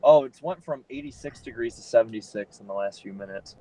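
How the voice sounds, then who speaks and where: A man's voice: medium pitch, brisk, dark tone, low-quality recording. Laid-back man chatting on a podcast. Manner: laid-back, trails off, laughs often. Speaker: podcast panelist. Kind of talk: casual chat.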